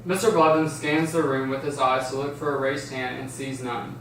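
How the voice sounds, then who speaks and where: A man reads stage directions aloud at a script table read, in a mid-range voice with fairly even intonation and normal speed. He was recorded from a distance in an echoey room, with faint noise present.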